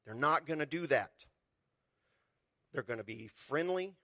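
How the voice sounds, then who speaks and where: A male pastor delivers a sermon in an animated, talk-to-you style and keeps throwing questions at the congregation. His voice sits on the high side for a man. The recording is close and dry. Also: measured pace, no echo. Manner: animated, conversational preaching with rhetorical questions.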